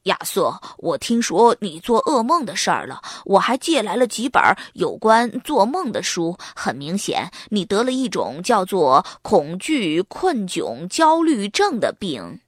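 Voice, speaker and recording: A woman voicing a serious, bookish schoolboy who lectures slowly and earnestly. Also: mid-range voice, sing-song, no room sound, studio quality. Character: bookish, serious know-it-all boy.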